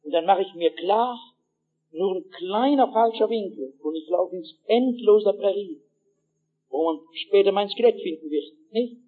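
High-voiced man preaching, dull old recording. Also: measured pace. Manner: dramatic storyteller, swings from hushed to shouting; addresses the audience directly with asides. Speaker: pastor. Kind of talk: evangelistic sermon with personal anecdotes.

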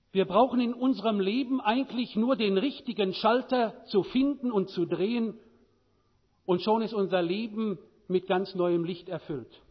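Slow, husky male preacher in a hall. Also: sits high, muffled recording. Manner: rhetorical questions, measured delivery. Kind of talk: sermon.

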